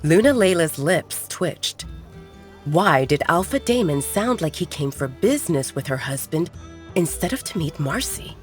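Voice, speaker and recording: A woman tells a scripted romance story in an audiobook storyteller's style, her deep voice expressive and a little slow. Music plays in the background beneath her.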